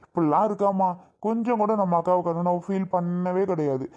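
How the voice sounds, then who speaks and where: A man's voice: high-pitched, a little fast, a little mellow, clear, resonant tone, lo-fi sound, lightly acted. A man playing a grown son in a family skit, talking in a blunt, scolding way. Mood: scornful. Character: blunt adult son, irritable.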